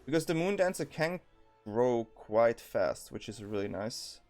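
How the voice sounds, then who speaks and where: Faint music sits behind a young Swiss-accented man who thinks out loud while playing a card game, peppering his casual commentary with ums, restarts and self-corrections. He has a mid-range, darkish voice, lively intonation and a measured pace.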